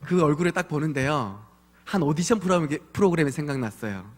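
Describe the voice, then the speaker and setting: A male pastor in his thirties giving an evening church sermon, telling animated stories and acting out voices of his children. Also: fairly high pitch, fast. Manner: animated storytelling with acted voices of his kids. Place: church sanctuary. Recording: long church hall reverb.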